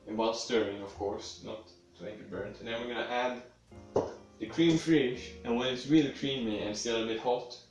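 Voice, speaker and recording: A young Swedish man with a cold cooks in his home kitchen for his video, sniffling, rambling offhandedly and swearing casually. His mid-range voice keeps a fairly even intonation at a moderate pace. The mic is distant in an echoey room, with faint music.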